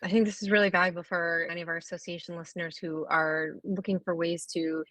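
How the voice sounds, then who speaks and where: A woman co-hosting a podcast, leading light segues and quick fun questions in a friendly way. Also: fairly low pitch, little pitch movement, a bit bright, no room sound. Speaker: podcast co-host. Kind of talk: podcast interview.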